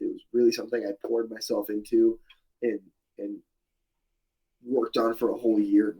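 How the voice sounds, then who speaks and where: Guest, man in his twenties, casual and chatty, rambling storyteller, mid-pitched voice. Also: a little mellow, rough recording. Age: 20s. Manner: rambling, many restarts and fillers, laughs at himself. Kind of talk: casual interview.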